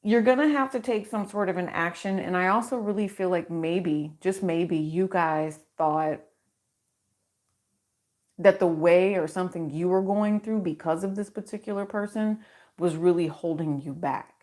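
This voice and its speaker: Hosting a casual livestream card reading, a tarot reader with a naturally low, deep-set voice chats warmly and reassuringly into her mic. She strings affirmations together at a normal pace, sounding a little mellow.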